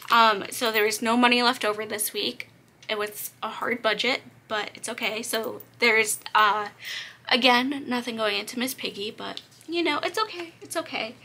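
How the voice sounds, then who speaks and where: For a budgeting vlog, a young woman with a fairly high, sharp voice and a slight crack chats casually at normal speed while counting bills aloud. She is chatty and lets out light laughs as she goes.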